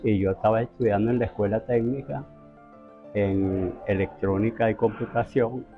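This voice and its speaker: A man's voice: lowish voice, normal speed, phone-quality sound, soft background music. Older Italian-born man, horse trainer. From Italy. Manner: relaxed, anecdotal, with restarts. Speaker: racehorse trainer. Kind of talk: interview storytelling.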